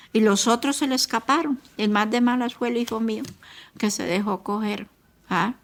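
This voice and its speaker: A Colombian woman giving a personal testimony as the mother of a victim, grieving and repeating herself slowly. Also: medium pitch. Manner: grieving, slow and repetitive.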